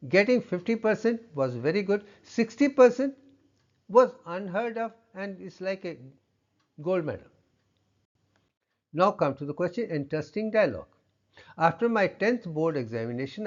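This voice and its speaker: Emphatic older man, high voice. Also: muffled recording. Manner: emphatic, self-assured, repeats list items. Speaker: speaker recounting his life. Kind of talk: monologue.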